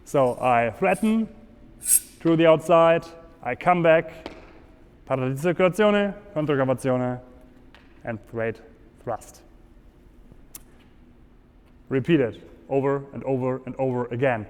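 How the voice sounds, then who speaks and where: Slow-paced German-accented man in an echoing hall. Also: medium pitch, smooth. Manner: halting non-native phrasing. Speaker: fencing instructor. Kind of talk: instructional demonstration, explaining step by step. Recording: echoey hall with long reverb.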